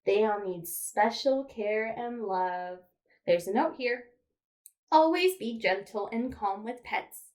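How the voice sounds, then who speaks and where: A children's librarian leads toddler storytime in a medium-pitched, slightly mellow voice, speaking slowly. She reads aloud simply to small children, adding questions and playful animal sounds.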